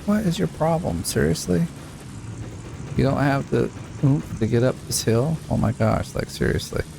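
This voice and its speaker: A gaming YouTuber from Utah rambles casually through let's-play commentary, muttering at the video game as he plays. His medium-pitched voice is animated, with vocal fry, at a normal speed. Background noise is present.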